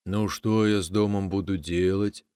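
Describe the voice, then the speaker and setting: A man's voice: sits low, fairly even intonation, normal speed, warm tone, clean tone, no echo, clean studio sound, close to an everyday voice. A man voicing a simple, easygoing young calf in a folk tale. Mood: plain.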